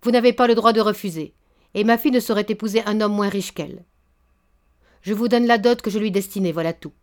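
A woman's voice: medium pitch, a little fast, a little mellow, close to an everyday voice. Storybook old baron, proud and stern, scolding; woman reader performs him. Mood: cold, businesslike. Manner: indignant, stammering then thundering.

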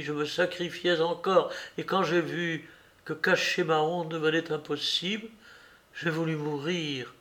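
A man's voice: vocal fry, a bit bright, heavily acted. Man voicing a desperate, impassioned young woman. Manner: impassioned, pleading, raised pitch. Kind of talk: audiobook character reading.

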